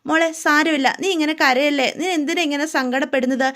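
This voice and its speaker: A woman's voice: high-pitched, fairly even intonation, a little fast, fairly bright tone. A woman voicing a worried, doting middle-aged mother who keeps pleading with her crying daughter to tell her what is wrong. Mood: worried, coaxing. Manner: anxious, pleading, repeating questions. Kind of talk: storytelling with voiced characters.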